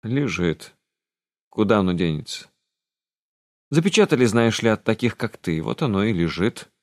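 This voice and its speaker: A man's voice: on the low side, animated, normal speed, no room sound, studio quality, lightly acted. A man voicing the grumpy, aloof master of an old castle in an audiobook, grumbling and condescending. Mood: sardonic.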